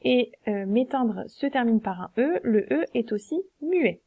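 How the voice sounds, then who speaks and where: A woman's voice: fairly high pitch, lively intonation, a little slow, breathy edge, no room sound, narrow, tinny audio. A woman teacher, patiently explaining a poetry exercise step by step, with frequent hesitations. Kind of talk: recorded lesson correcting a versification exercise.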